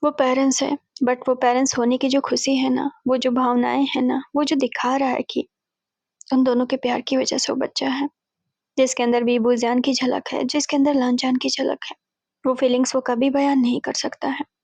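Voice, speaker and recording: A woman's voice: high-pitched, level tone, moderate pace, vocal fry, darkish tone, slightly rough, no echo. A woman casually retelling a fanfiction story, chatty and mixing in English words as she voices the characters' lines. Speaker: fanfiction narrator.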